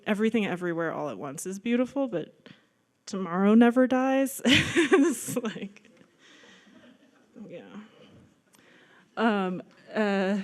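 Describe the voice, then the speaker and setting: This is a woman's lowish, darkish voice: a thirtysomething American artist giving a relaxed slide-show lecture on her own paintings. Speaking as a guest in a lecture room, she's self-deprecating and talkative, with lots of "like" and "um."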